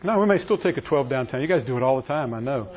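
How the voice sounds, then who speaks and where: A man's voice: medium pitch, expressive, quick pace, darkish tone, highs cut off. A man teaching a classroom EMS training session, quizzing his trainees and joking with them. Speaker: EMS instructor.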